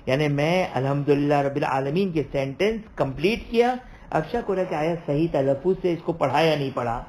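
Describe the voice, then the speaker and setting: A man's voice: a little high, darkish tone. A man giving an online religious law lecture over a video call, explaining step by step, repeating points and checking with "right?".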